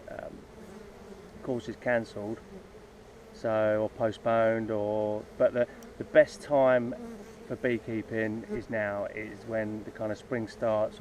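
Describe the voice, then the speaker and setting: A medium-pitched, slightly mellow male voice with a little hiss or hum belongs to a hobby beekeeper vlogging beside his hives. He talks through his plans in a loose, unscripted way, with plenty of ums and restarts, over dull lo-fi outdoor audio where insects faintly buzz.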